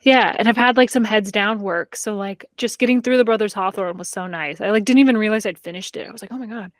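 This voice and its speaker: Talking fast at a medium pitch, this podcast co-host keeps the book-and-TV conversation loose and casual, her speech full of "like." The recording has no echo.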